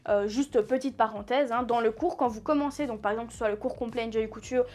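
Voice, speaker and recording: A woman's voice: on the high side, quick pace, a little mellow. A woman gives a casual sewing tutorial, chatty and full of fillers and self-corrections. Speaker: sewing teacher.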